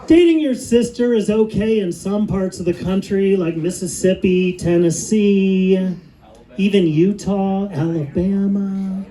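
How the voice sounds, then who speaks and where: A middle-aged man performing a stand-up comedy set on stage, telling dry stories and pausing for laughs. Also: high-pitched, mellow, low-quality recording. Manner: dry storytelling with pauses for laughs. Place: comedy stage with a live audience.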